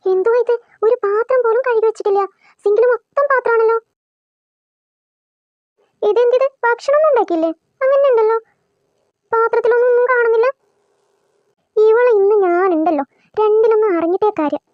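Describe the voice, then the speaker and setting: A shrill, very high cartoon voice of a nagging old mother-in-law, rattling off sarcastic complaints at a quick clip. The sound is dry and close. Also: no room sound, phone-quality sound. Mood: grumbling. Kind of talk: cartoon voice acting.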